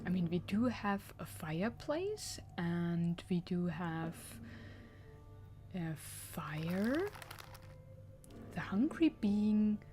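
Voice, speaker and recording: Slow, mellow woman playing a game. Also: mid-range voice, slight background noise. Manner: musing, thinking aloud. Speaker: gamer commenting on play. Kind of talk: casual let's play commentary.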